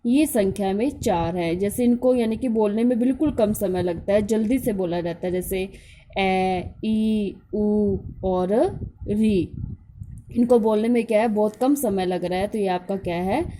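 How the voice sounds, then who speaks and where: A woman's voice: medium pitch, dark tone. A woman teacher giving a school grammar lesson, posing questions to the class and answering them herself. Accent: Hindi.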